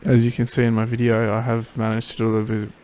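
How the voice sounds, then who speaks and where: A man, tired and drowsy after throat surgery, talking in a low-energy way in a casual video diary. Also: completely flat delivery, racing, darkish tone, slight background noise. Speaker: patient keeping a recovery video diary. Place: home office.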